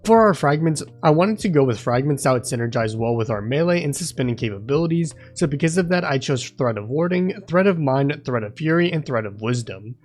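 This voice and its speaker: A man reading a scripted voice-over walkthrough in a steady, explanatory way. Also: medium pitch, fairly quick, few pauses, faint music behind. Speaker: video game guide creator.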